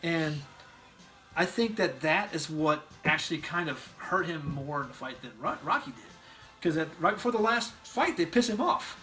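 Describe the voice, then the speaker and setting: A man co-hosting a casual movie review chat, rambling and animated, often breaking into loud acted-out yells. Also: a little high, moderate pace, faint music behind. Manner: rambling with restarts. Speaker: podcast co-host.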